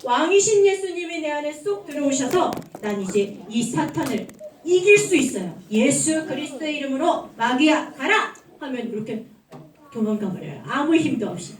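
A young woman gives a children's sermon in a church hall, storytelling with animated acted voices. Her voice sits high. The sound is roomy and echoey, and she is heard from some way off the mic. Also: normal speed, recorded from a distance, a little hiss or hum. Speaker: children's pastor.

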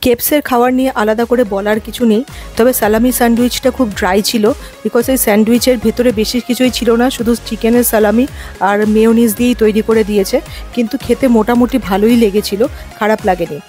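A woman's voice: a little high, fairly even intonation, quick pace, warm tone. A woman travel vlogger from India chatting with viewers and guiding them around, with music playing behind her. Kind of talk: travel vlog, voice-over and on-the-spot talk. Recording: background music under the voice.

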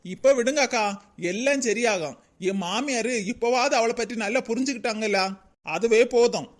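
A voice actor plays a weary young village woman in a comedy cartoon who grumbles and pleads for peace. She talks at a middling pitch with a Kanyakumari Tamil accent. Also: normal speed, lightly acted. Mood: complaining. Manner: pleading, complaining.

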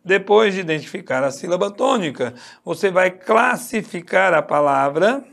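A Brazilian man teaches an online exam-prep Portuguese class in a high, animated voice with vocal fry and a fairly bright tone, at a moderate pace. He is emphatic and repetitive, going over key points and often checking in with students by asking "tá certo?"

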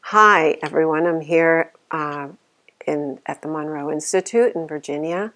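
Calm older woman giving a testimonial. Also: sits low, a little slow. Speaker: course participant. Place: large meeting room indoors.

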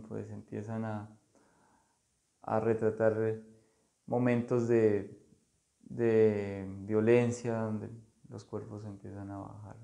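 A man from Colombia, an artist, talking slowly and thoughtfully in his studio, pausing often and restarting his phrases. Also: on the low side, creaky, mellow. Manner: slow, thoughtful, halting with many fillers. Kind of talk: casual conversation about art.

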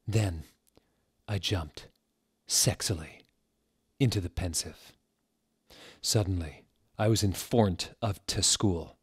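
A man hosts a show and reads fan fiction dramatically, slow and theatrical, with a low, slightly rough voice. He sits close to a desk microphone in a small furnished room indoors.

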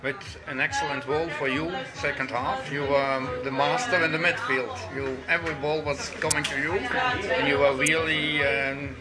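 A man from Belgium, asking a footballer post-match questions in slightly halting English. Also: a little high, a loud crowd. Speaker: interviewer.

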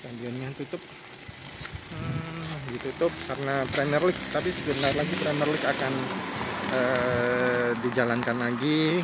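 A man's voice: mid-range voice, fairly even intonation, moderate pace. Man in his 30s, casual walking vlog, phone at arm's length, noisy street with passing cars. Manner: chatty, musing aloud with many fillers. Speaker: vlogger. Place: outdoors by a stadium. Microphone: phone held at arm's length. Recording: noisy outdoor phone recording. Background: street ambience and passing cars.

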